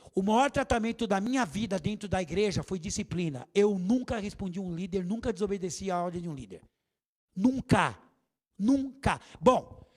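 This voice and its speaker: A man preaching a sermon as bishop in a church, lively and theatrical. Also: sits high. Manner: animated, theatrical preaching with acted quotes.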